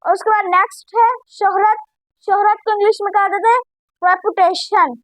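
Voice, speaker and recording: Woman teacher, very high pitch, unhurried word-by-word drilling, dry close sound. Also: fairly even intonation, fairly bright tone, dry recording, low-quality recording. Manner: repeats each word slowly, drilling pronunciation. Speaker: English vocabulary teacher. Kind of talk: vocabulary drill lesson.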